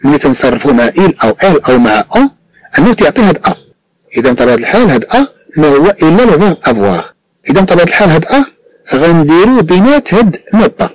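A man from Morocco with a Moroccan Arabic accent teaches a French lesson, reading phrases slowly and explaining briskly in Arabic. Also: fairly high pitch, very animated, poor audio.

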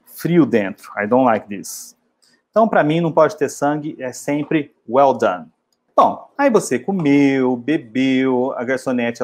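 A man from Brazil, teaching travel English in a casual way and repeating model phrases slowly. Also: mid-range voice, a little mellow. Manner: slow, drilled model phrases in English between casual explanations.

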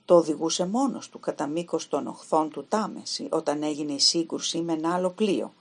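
A woman reading aloud, voicing a pale, frightened young female typist who pleads in a trembling voice. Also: low voice. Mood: anxious pleading.

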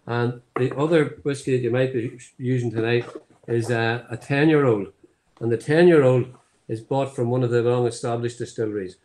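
A mid-range, darkish-toned male voice at a moderate pace belongs to a distillery founder in his seventies from Northern Ireland, who has the accent to match. Joining an online tasting conversation by video call from a home office through his laptop webcam, he relates his story with plenty of fillers and wandering asides.

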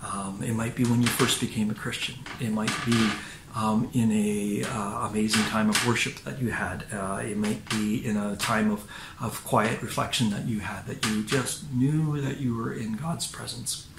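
An older man, a pastor, gives a sermon from his living room to a webcam, speaking haltingly with many fillers and restarts. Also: lowish voice, steady tone, gravelly. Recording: roomy home recording with faint noise.

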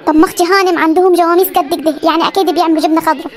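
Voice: very high voice, steady tone, rapid-fire. An actor voicing a cheeky, lazy young village daughter in a comedy cartoon, whining and talking back, with an Upper Egyptian accent. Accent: Upper Egyptian Arabic. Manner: whiny, talks back, stalls.

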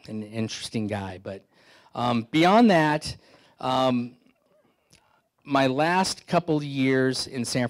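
A middle-aged man from the San Francisco Bay Area gives a keynote talk, telling stories with self-deprecating humor. He speaks into a handheld microphone in an indoor meeting hall. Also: mid-range voice. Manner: conversational storytelling, self-deprecating humor, many restarts. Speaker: keynote speaker, FBI agent. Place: indoor meeting hall, standing before an audience.

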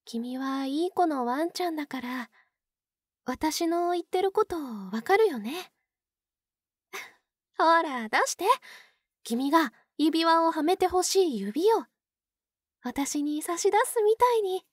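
Woman acting a very high-pitched, sweetly possessive yandere. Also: expressive, slow, long pauses, no echo, clean studio sound. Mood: coaxing, controlling. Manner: coaxing, cooing, talks as to a pet. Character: obsessive yandere older-sister type, sweetly possessive captor. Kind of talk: Japanese ASMR role-play.

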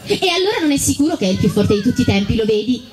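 A woman's voice: fairly high pitch, big pitch swings, rapid-fire, a little mellow, soft background music. A woman voicing Ivan, a curious and stubborn six-year-old boy who asks endless questions.

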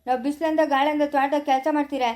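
A woman's voice: high-pitched, little pitch movement, fast talker, darkish tone, natural voice. A woman playing an impatient grown daughter who scolds and mocks, with a rural Chikkaballapura Kannada accent. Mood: scolding. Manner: scolding, mocking.

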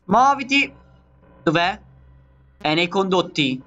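High, bright-voiced excitable man. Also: slow, highs cut off. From Italy. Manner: excitable, keeps calling out to viewers. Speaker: gaming channel host. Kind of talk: let's play commentary.

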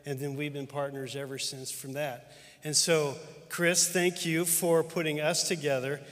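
A middle-aged man speaks with earnest reverence as he recounts years of shared ministry. His voice sits a little high. A long reverb trails each phrase through a big church auditorium. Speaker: denominational superintendent. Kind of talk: heartfelt tribute speech. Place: large church auditorium with live audience.

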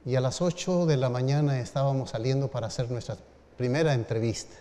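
A middle-aged pastor preaches at a medium pitch, unhurried, with pauses and rising emphasis. His voice carries a long reverb from a large hall or church. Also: fairly even intonation, warm tone. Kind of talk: storytelling sermon.

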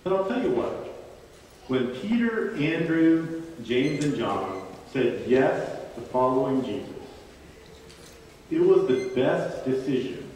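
A male preacher unfolds a story slowly and deliberately, leaving long, weighty pauses. His mid-pitched voice sounds distant, washed in the long reverb of a large church hall with faint ambient noise. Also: big pitch swings, darkish tone. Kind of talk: sermon. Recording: echoey hall from far off.

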